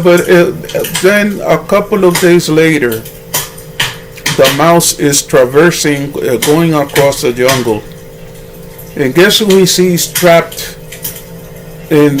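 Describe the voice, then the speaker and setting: A man's voice: fairly high pitch, noisy background. A man giving rambling, moralizing commentary on a vlog and telling a fable, often restarting his sentences. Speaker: vlogger.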